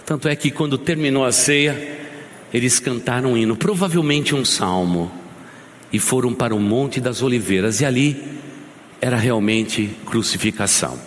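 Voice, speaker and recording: A male pastor delivering an impassioned sermon in a church, swinging between hushed and loud. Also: medium pitch, normal speed. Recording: echoey church hall with faint noise.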